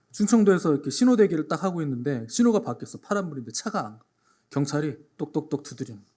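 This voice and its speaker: Man, pastor, Sunday sermon, fairly high voice, emphatic, repeats phrases, jokey. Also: big pitch swings, normal speed, darkish tone. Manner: emphatic, repeats key phrases, tells jokes in dialect. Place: church before a congregation.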